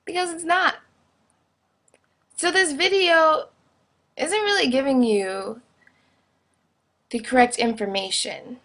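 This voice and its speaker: A woman's voice: high-pitched, steady tone, takes it slowly, pauses often, a bit bright. A young woman talks casually into her camera, sharing a strong opinion in a chatty, emphatic way, with lots of fillers. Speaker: vlogger.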